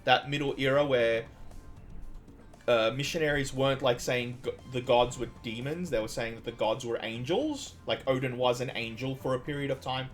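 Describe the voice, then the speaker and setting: A man's voice: medium pitch, moderate pace, soft background music. A man from Iceland streaming a game, chatting casually and drifting into long trivia asides with frequent restarts. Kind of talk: casual gameplay commentary.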